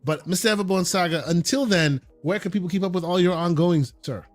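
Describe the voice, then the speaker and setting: Man, fairly high voice, podcast host, casual, halting with repeated words, dry sound, faint music behind. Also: no room sound. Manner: halting, often repeats words several times. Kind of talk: casual podcast sign-off chat.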